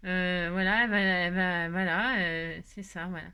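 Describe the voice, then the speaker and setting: A woman's voice: fairly low pitch, fairly even intonation, normal speed, bright, forceful tone, smooth. A woman hosting a crafting vlog, chatting to her viewers in a rambling, casual way full of fillers and self-interruptions. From France. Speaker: craft video host.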